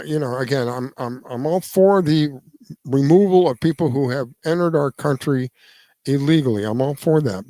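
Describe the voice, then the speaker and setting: A man in his seventies giving his opinion in casual radio talk, earnest and halting, restarting his sentences as he goes. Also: on the high side, no room sound. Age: 70s. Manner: lively, swings between emphatic and quiet. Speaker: radio show host.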